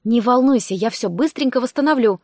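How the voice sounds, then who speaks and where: Woman doing a spirited female ghost, lively, reassuring, higher voice, dry. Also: fairly quick, dry recording, natural voice. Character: cheerful female ghost, academy guardian spirit. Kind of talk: audiobook character voice.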